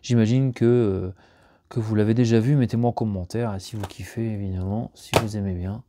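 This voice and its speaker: A man chatting casually while unboxing discs at home, rambling with many fillers and restarts, and jumping up in pitch when he gets excited. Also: a little fast, background noise.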